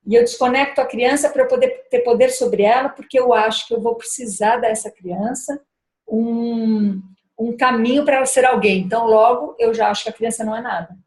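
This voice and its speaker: A middle-aged woman speaking thoughtfully about raising children, often pausing and restarting as she searches for words. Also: fairly high pitch, a little mellow, roomy sound. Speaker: speaker at a parenting gathering. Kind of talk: reflective talk with personal story.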